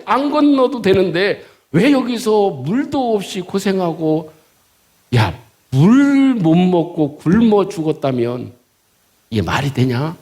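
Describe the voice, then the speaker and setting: A man's voice: high voice, pitched above the performer's own voice. A man, a pastor in a sermon, voicing an angry grumbling Israelite man who hurls rude accusations at his leader. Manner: shouting insults and demands.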